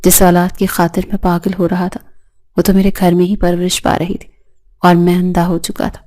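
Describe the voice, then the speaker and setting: A woman's voice: fairly low pitch, level tone, dark tone, close to an everyday voice. A woman voicing a remorseful man who pleads with his wife in a choked voice. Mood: pleading remorse. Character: remorseful grown man, pleading husband and father.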